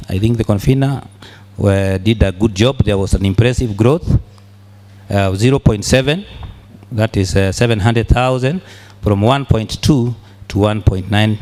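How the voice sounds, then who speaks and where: A man giving a formal financial report at a meeting as treasurer, deliberate and halting, repeating phrases as he goes. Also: lowish voice, darkish tone. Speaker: club treasurer presenting annual accounts.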